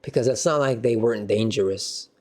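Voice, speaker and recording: A man hosting a casual football match reaction, animated and slangy, with excitable outbursts. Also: on the low side, a little fast. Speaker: football fan channel host.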